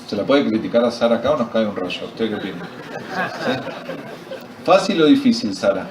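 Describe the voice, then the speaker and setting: A pastor with an Argentine Spanish accent preaches at a men's retreat, quizzing the audience and joking through his story in a lowish, brisk voice with lively intonation. Chatter and slight noise sit behind him, and the echoey meeting hall was recorded from a distance.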